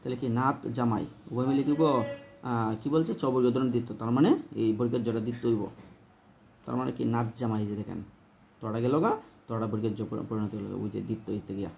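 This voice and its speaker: A man's voice: medium pitch, steady tone, fast, gravelly, a little mellow, highs cut off. A man teaching a grammar lesson, repeating examples and quizzing the class before answering himself. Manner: repetitive, quizzing questions then answering himself. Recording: faint background noise.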